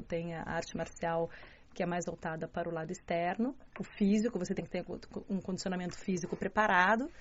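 A woman with a Curitiba Brazilian accent, chatting as an interview guest and explaining things with frequent checking tag questions. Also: medium pitch. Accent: Curitiba Brazilian Portuguese. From southern Brazil, Curitiba. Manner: explanatory, often seeks agreement with tag questions. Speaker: interview guest, journalist and martial arts student. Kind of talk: relaxed conversational interview. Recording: slightly dull, lo-fi interview recording.

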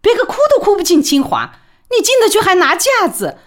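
A woman voicing an exasperated, sharp-tongued middle-aged mother who scolds in a shrill voice. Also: wildly swooping pitch, brisk. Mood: furious.

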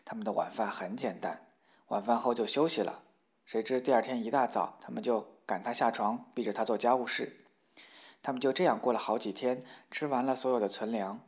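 A man narrating a fairy tale in an expressive, measured storytelling voice. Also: medium pitch.

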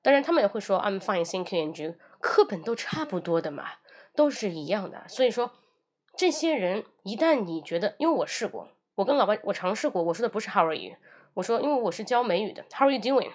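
A woman's voice: medium pitch, very animated, a little fast. Woman teaching English on a livestream. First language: Mandarin Chinese. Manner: switches between Mandarin and English, demonstrates phrases.

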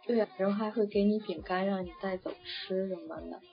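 In a casual interview chat, a young woman from China talks quickly at a medium pitch. She rambles, stumbling into restarts and peppering her speech with fillers. The recording sounds dull and lo-fi, with music faintly audible.

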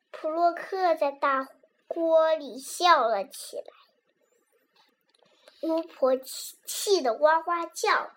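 A woman reading a children's storybook aloud, with an animated, expressive delivery. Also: high voice.

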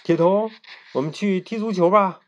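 A man's voice: high voice, moderate pace, highs cut off, voice pushed up, close to an everyday voice. A man doing a cheeky, sulky schoolboy. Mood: eager. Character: cheeky schoolboy hero, quick to sulk.

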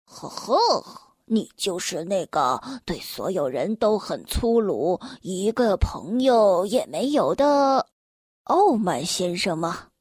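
A woman voicing an old male elf king in a children's storybook, slow and amused, with a husky, chuckling voice. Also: medium pitch, very animated, a little mellow, dry recording, studio quality, voice pushed down, heavily acted.

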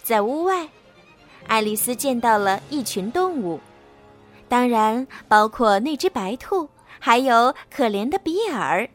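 A woman narrating a children's story in an expressive storybook manner. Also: a little high, a little slow. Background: soft background music.

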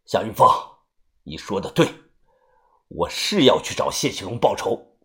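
Man playing a cold young avenger, low, quiet, measured, menacing. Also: big pitch swings. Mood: cold menace. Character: vengeful young man back from death, cold.

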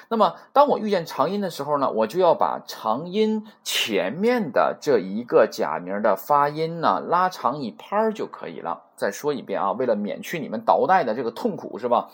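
Male language teacher, husky, animated delivery, chatty lecture with rhetorical check-ins. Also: medium pitch. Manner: chatty, repeats points, asks rhetorical checks. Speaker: Japanese teacher. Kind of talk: casual recorded lesson.

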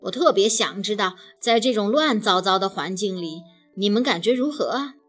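Woman reader playing a sensible storybook mom, calm and explaining. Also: medium pitch, moderate pace, soft background music, pitched below the performer's own voice, natural voice.

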